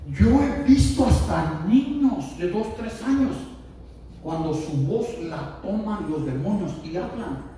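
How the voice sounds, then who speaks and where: A man preaches to his congregation in a high, mellow voice that leaps up and down, joking and then shouting. The sound comes from far off in a very echoey church hall, with a faint room hum behind him. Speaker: pastor. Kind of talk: sermon.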